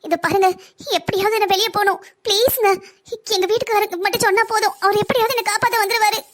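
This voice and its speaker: A woman's voice: very high voice, steady tone, fast talker, fairly bright tone. A woman voicing a frightened young married daughter in a cartoon story, pleading tearfully for help. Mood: desperate.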